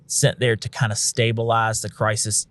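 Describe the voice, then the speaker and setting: Frank low-voiced male paramedic. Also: level tone, normal speed, fairly bright tone, no room sound. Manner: frank, conversational, uses occasional swearing; acts out quotes of what he'd say to patients. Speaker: paramedic and instructor. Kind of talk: casual podcast discussion.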